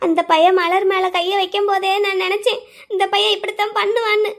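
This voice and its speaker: A woman's voice: extremely high pitch, little pitch movement, fairly quick, a bit bright, soft background music. A woman voicing a fretful, protective old grandmother in a cartoon drama, lamenting and exclaiming. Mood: worried. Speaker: grandmother called Aachi. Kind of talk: cartoon voice acting.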